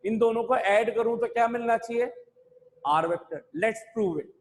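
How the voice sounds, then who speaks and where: A man with a high voice teaches physics at a slow, deliberate pace, dictating terms word by word and asking the class rhetorical questions. He switches between Hindi and English as he lectures. The sound carries a long reverb, as in a large hall.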